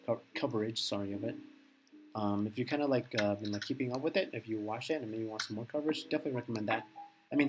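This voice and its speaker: A man live-streaming a casual, rambling reaction chat, full of fillers and strong opinions. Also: medium pitch.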